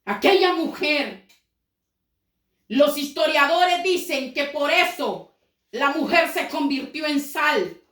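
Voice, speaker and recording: A woman preacher telling a parable as a sermon, slowing down for dramatic moments and acting out the quotes. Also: high-pitched, lively intonation, a bit bright, echoey room. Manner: storytelling with dramatic slowdowns and acted quotes.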